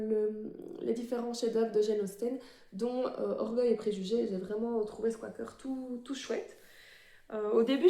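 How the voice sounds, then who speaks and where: A woman's voice: a little high, dark tone. Nervous, hesitant woman in an echoey room. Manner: hesitant, many fillers and restarts; self-described fast talker, a bit nervous. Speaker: cross-stitch vlogger. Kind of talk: casual show-and-tell of embroidery projects.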